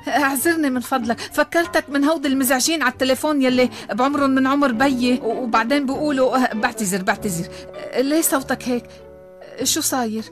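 A woman playing an anxious mother pressing for news in a dubbed family drama. She speaks Lebanese Arabic quickly, in a high voice, with faint music underneath. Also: lightly acted. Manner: anxious, questioning.

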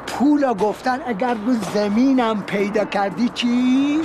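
An actor playing a stubborn, fussy landlord who grumbles and repeats words back slowly, outdoors on a city street. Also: male voice, very high voice, noisy background. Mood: grumbling.

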